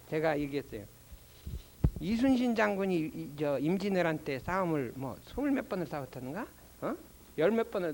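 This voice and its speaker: Animated older man giving a doctrine lecture. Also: high voice, slight background noise. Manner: animated storytelling, rhetorical questions, frequent "어?"; slow chanting recitation of prayer. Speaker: Won Buddhist minister lecturing.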